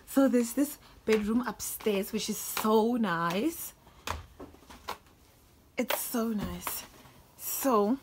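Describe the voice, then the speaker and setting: A young woman narrates a tour of a holiday lodge on a handheld phone camera, chatting casually and gushing with delight over every room. Her voice is fairly high and extremely slow, with long pauses and a slight hiss or hum in the background.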